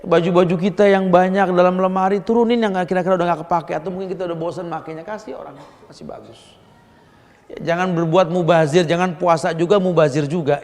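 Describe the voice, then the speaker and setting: A male preacher giving a sermon, moving between loud exhortation and soft, confiding asides. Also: high voice, in a large hall.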